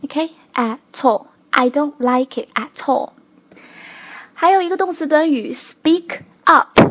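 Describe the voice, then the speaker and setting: A woman whose first language is Chinese, teaching a spoken English lesson, explaining step by step and saying example phrases slowly. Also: a little high.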